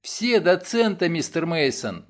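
Guy reading an upset young woman, breathless and pleading, voice jumps high and low. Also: sing-song, measured pace. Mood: agitated. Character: anxious young woman robbed of her winnings.

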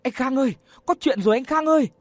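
A male narrator voicing a panicked young woman who stammers and cries out in a high, frantic voice. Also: fast talker, dry recording. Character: panicked young woman, a working-class mistress.

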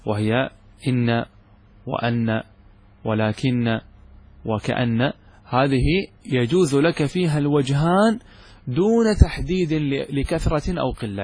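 Husky-voiced man teaching grammar. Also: medium pitch, dry recording. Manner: explains step by step, often checking understanding with questions. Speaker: sheikh teaching Arabic grammar. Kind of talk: classroom lecture explaining a text.

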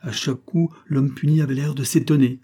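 A man reading a literary story aloud as an audiobook narrator, in a measured, grave way. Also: medium pitch, fairly even intonation, warm tone. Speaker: audiobook reader.

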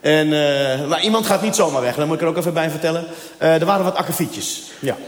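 A man's voice: fairly high pitch, fast talker. A man performing a stand-up comedy routine, telling a story in a casual way with asides to the audience, in a live venue hall. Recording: echoey hall sound, faint noise.

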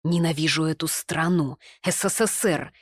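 A woman's voice: deep voice, moderate pace, husky, no room sound, clean studio sound. A woman voicing a tipsy, impulsive young woman at a party. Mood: sullen. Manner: exuberant, impulsive.

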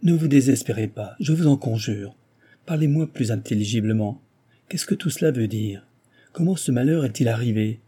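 A man's voice: medium pitch, animated, moderate pace, dark tone, slightly rough. A man voicing a young, earnest and compassionate heiress who speaks urgently. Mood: imploring.

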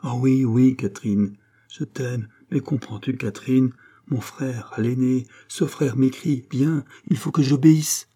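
A man's voice: medium pitch, fairly even intonation, a little slow, warm tone, lightly acted. A man reading a grave young nobleman. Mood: torn. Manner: earnest, solemn. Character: young nobleman, grave, torn between love and duty.

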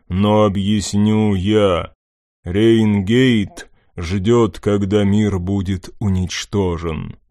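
An ancient god of darkness speaks from the shadows in a deep, thunderous drawl. Every word comes slow and weighty, dark and mellow in tone. The sound is close and dry, like an audiobook studio. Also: male voice, dry recording. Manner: slow, measured pronouncements. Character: ancient male god of darkness, looming, cold. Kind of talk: audiobook character voice.

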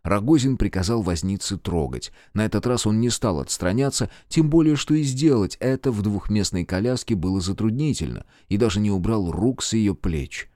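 A man narrating an audiobook in a measured storytelling manner. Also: on the low side, animated, dark tone, no room sound, studio quality. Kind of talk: scripted narration.

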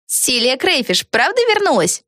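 Woman voicing a sensible young witch girl, calm, soft-spoken, knowing, dry close sound. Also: sits high, moderate pace, no room sound, voice pushed up.

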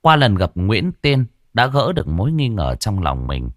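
A man narrating a ghost story with steady storytelling and lively intonation. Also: on the low side, normal speed, no room sound, clean studio sound.

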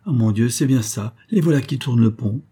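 A man's voice: medium pitch, brisk, warm tone, husky, lightly acted. A man voicing a tender, anxious young lady of the manor in a storybook reading, pleading urgently. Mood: alarmed.

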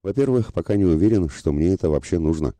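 A man narrating a first-person audiobook in a steady, measured way. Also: low voice, dry recording.

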